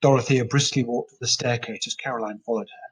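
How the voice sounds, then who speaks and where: A man reads a story aloud in a steady, plain manner. His voice is husky and sits at an everyday pitch. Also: fast, rough recording. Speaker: narrator. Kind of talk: storybook reading.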